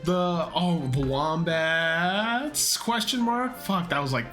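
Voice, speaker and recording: A man's voice: a little high, slow pace, sharp tone, faint music behind. A man giving casual reaction commentary, slangy, exclamatory and freely swearing. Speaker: reaction video host.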